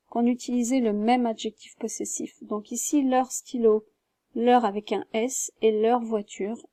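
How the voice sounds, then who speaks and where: A woman's voice: on the high side, mellow, no echo, studio quality. A woman teaching a French grammar lesson, patiently explaining step by step and spelling words out.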